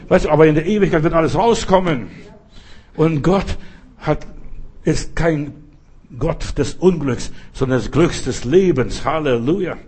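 A man's voice: a little high, a little mellow, husky. A man preaching a fervent sermon as a pastor, speaking straight to the listener.

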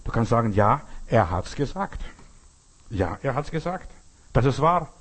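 An older man preaching a sermon, speaking emphatically with dramatic pauses, repeating phrases and addressing the listener directly. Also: medium pitch, very animated, slightly rough.

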